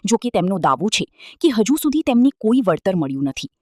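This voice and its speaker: Woman news voice-over, solemn and measured, lively pitch, dry close sound. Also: no room sound. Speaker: news reporter. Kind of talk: scripted news narration.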